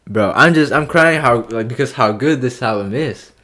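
A young man hosting a casual music reaction review, excitable and slangy, full of fillers. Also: medium pitch, normal speed.

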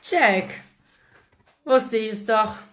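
Woman reading as a gruff older sheriff. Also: on the high side, drawn-out words, fairly bright tone. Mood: grumbling. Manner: growling, exasperated. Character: older male small-town sheriff, gruff and weary.

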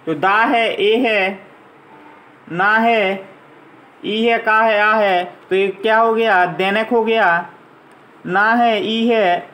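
A man's voice: sits high, bright, forceful tone, poor audio. A man teaching a grammar lesson to young children, patiently spelling out letters and vowel signs one at a time.

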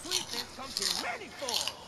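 A man's voice: extremely high pitch, wildly swooping pitch, normal speed, very noisy, heavily acted. A man voicing a flamboyant male love-therapy book from a video game, preachy and grand. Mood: scolding.

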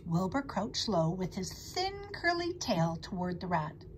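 Animated woman reading a children's story. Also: fairly low pitch, unhurried, a little hiss or hum. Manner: expressive and animated. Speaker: audiobook reader. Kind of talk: storybook read-aloud narration.

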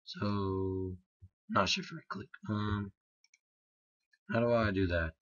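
A young man with a hoarse, strained voice, muttering halting let's play commentary full of ums. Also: lowish voice, steady tone, a bit bright, no echo, dull audio. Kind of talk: casual gameplay commentary.

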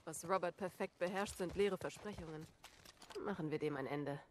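A woman's voice: on the low side, normal speed, slight background noise, lightly acted. A woman acting a tough, determined smuggler in her forties in a dubbed video game, curt and commanding. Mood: focused.

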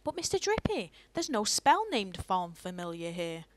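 A woman's voice: fairly low pitch, very animated, moderate pace, background noise. A woman voicing an innocent, polite young boy, reading game dialogue in an earnest, wide-eyed way. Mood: eager, curious.

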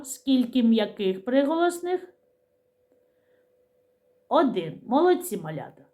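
A middle-aged woman teaching a preschool literacy lesson, speaking slowly and clearly in a sing-song way to small children. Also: on the high side, a little mellow.

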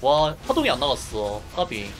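A man's voice: medium pitch, huge pitch swings, normal speed, fairly bright tone, soft background music. A man livestreaming casual gameplay commentary, reacting in short muttered exclamations and asides into a close mic.

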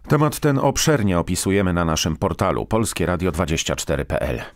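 A man's voice: low voice, a little fast, no room sound. A man reading a formal radio news bulletin in a studio. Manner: steady, formal newsreading.

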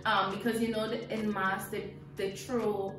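A woman's voice: mid-range voice, flat delivery, unhurried, a bit bright. A young Trinidadian woman in her twenties with a Trinidadian accent, casually explaining phrases as host to her roommates. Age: 20s. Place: small indoor room. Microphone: camera a few feet away. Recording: roomy echo, distant mic, music behind.

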